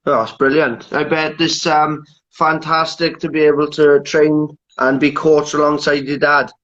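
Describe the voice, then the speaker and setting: Male interviewer, friendly and encouraging, slightly high voice, dull lo-fi audio. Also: flat delivery, a little slow, fairly bright tone. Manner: friendly, encouraging, short affirmations. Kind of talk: casual interview questions.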